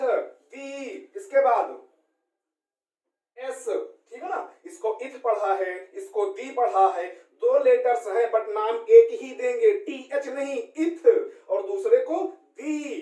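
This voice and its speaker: A man from India teaches shorthand, often stopping to check that listeners follow and spelling letters out slowly. He is recorded from some distance away, and the room echoes around his voice. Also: sits high, darkish tone. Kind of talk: classroom-style explanation. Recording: roomy sound from a distant mic.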